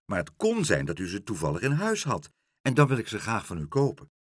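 A man's voice: lowish voice, wildly swooping pitch, brisk, no echo, clean studio sound. A man voicing a polite, timid little boy who talks hesitantly, in a read-aloud children's story.

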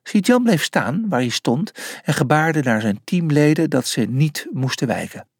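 A storyteller reading a children's animal adventure aloud with lively expression. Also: mid-range voice, measured pace, dry recording, studio quality.

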